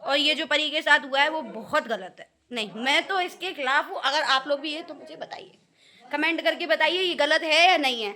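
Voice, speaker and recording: A woman's voice: high-pitched, normal speed, pushed and bright. A young woman vlogging at a family gathering, talking straight to her viewers in a playfully dramatic, mock-outraged way. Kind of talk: casual village vlog narration.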